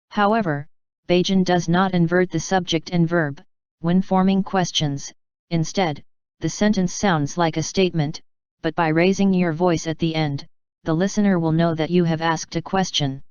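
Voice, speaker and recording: A woman reading scripted educational narration in a measured, formal, explanatory way. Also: lowish voice, darkish tone, clean tone, dry recording, muffled recording.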